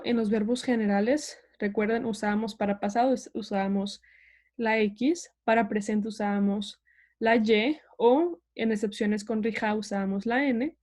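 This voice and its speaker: A woman's voice: on the high side, warm tone. A young woman teaching an online language lesson, explaining patiently step by step and having learners repeat words.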